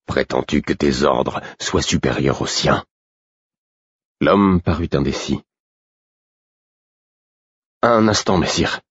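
A man reading a first-person novel aloud, with steady, measured narration and voices for the characters. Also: very deep voice, husky, dry recording, highs cut off. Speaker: audiobook narrator.

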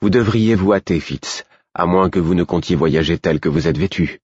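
A man voicing a calm, authoritative queen who gives orders with quiet composure. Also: low voice, moderate pace, breathy edge, no echo, dull audio. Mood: composed.

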